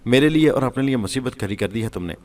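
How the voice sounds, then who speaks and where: A man voicing a calm wife with a secret. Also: mid-range voice, lightly acted. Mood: evasive.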